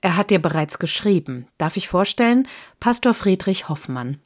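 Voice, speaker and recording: A woman's voice: fairly low pitch, sing-song, normal speed. A woman voicing an older male mission secretary who is genial and amused, in a storybook reading.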